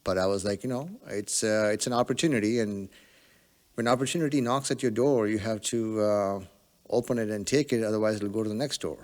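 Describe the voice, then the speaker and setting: Low, smooth-voiced man with long reverb. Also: fairly quick, a little mellow. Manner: hesitant, many fillers. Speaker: podcast guest, telemedicine entrepreneur. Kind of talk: relaxed conversational storytelling.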